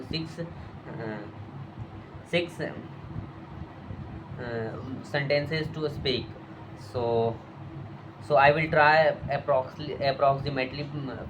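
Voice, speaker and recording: A young man runs through practice sentences in a halting, filler-heavy way, slipping into Hindi to explain. His voice sits at an ordinary middle pitch, and a faint hum of room ambience sits behind him. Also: poor audio. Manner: halting, many fillers and restarts, mixing Hindi and English. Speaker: English practice teacher. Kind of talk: casual spoken English drill.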